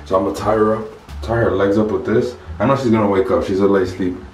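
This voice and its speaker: A man's voice: fairly low pitch, fairly even intonation, fast talker, darkish tone, far from the mic, a little hiss or hum. A young man chatting casually and slangily to a camera held at arm's length at home. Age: young adult. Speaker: prank vlogger. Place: small indoor room at home. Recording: echoey room, faint music behind.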